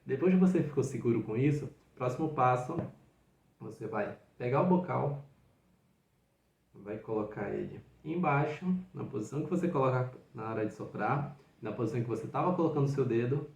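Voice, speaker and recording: A man's voice: mid-range voice, expressive, fairly quick, gravelly, a little mellow. A man, a flute teacher explaining technique in a patient, encouraging, step-by-step way. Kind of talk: instructional video. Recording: roomy echo.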